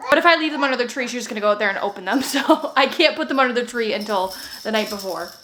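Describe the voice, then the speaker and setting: A woman's voice: high-pitched, fairly bright tone, slight background noise. A pregnant young woman vlogging from her playroom at home, telling a story in a chatty way and acting out what people said. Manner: chatty storytelling, laughs often, acts out quotes. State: heavily pregnant. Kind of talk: casual chat to camera.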